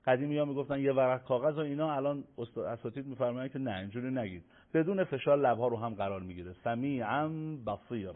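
Recitation teacher, male, stretches and chants sample words, thin phone-like sound. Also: medium pitch. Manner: drawn-out sung demonstrations of example words. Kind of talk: explaining recitation rules on a broadcast. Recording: narrow phone-like broadcast audio.

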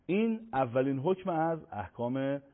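A man teaching a Quran recitation lesson on tajweed rules, explaining in a measured way and slowing down to recite and spell out each example. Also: medium pitch, animated. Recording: tinny phone-like audio.

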